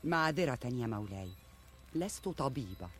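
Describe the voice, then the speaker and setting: An actor playing a cryptic, formal court seer who is deferential yet defiant, in a historical drama. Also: male voice, medium pitch, sing-song, normal speed, soft background music, close to an everyday voice. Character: cryptic royal seer, calmly defiant before a king. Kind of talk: Arabic historical drama acting.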